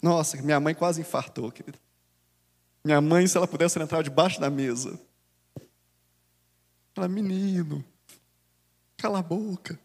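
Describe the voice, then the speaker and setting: A man's voice: fairly high pitch, moderate pace, pauses often, long reverb tail. A man with a Brazilian accent preaching a sermon as a bishop, talking animatedly and conversationally and often addressing listeners as "dear". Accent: Brazilian Portuguese.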